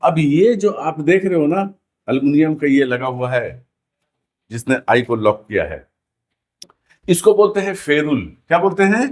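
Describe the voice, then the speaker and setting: A man's voice: a little high, animated, moderate pace, a little mellow. A man teaching a rigging class, explaining terms and repeating key words back to his students as questions. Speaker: rigging instructor.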